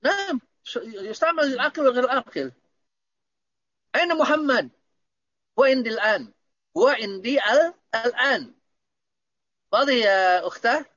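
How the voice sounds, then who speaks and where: Guy teaching grammar online, high voice, muffled audio, keeps asking if it's clear. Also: lively intonation, normal speed, long pauses, a bit bright. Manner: patient, repeats and checks understanding. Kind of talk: online grammar lesson with questions.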